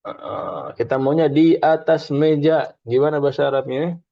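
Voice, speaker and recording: A man's voice: on the high side, moderate pace, gravelly, warm tone, no room sound. A man teaching an informal Arabic class, chatty, explaining with examples and having students repeat after him. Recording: dull lo-fi dry recording.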